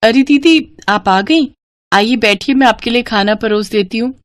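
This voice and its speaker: Woman voicing a meek, gentle young bride. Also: fairly high pitch, moderate pace, no room sound, close to an everyday voice. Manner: soft, pleading, timid.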